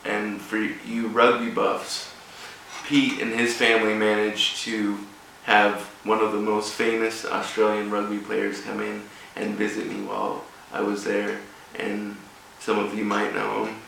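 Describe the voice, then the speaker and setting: This rugby club guest speaker sounds monotone and sharp, his low, gravelly voice reaching a distant mic across a highly reverberant room. Speaking before an audience, he offers an informal, motivational personal story in broken, halting phrases, with faint noise in the recording.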